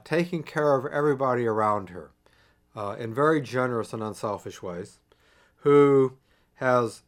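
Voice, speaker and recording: A middle-aged man telling a personal family story in a reflective, conversational way, pausing and restarting as he goes. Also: medium pitch.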